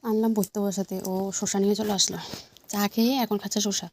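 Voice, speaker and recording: A woman's voice: medium pitch, level tone, fast, darkish tone, slight background noise. A young woman, vlogging casually at home and coaxing her toddler between asides to viewers. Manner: coaxing, chatty, talks to viewers between prompts. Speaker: vlogger and mother.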